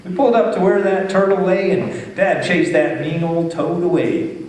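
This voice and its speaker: A storytelling poet with a folksy Texan drawl gives a playful, dramatic live poetry reading for children and families. His high, darkish voice keeps fairly even intonation at a moderate pace, captured by a distant mic in an echoey room with faint noise.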